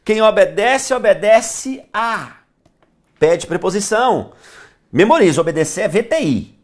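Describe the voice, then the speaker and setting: A man's voice: sits high, sing-song, a little slow. A middle-aged man with a Brazilian Portuguese accent teaching grammar in a theatrical classroom lecture, talking straight to the class and repeating phrases in a singsong. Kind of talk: animated classroom lecture to camera.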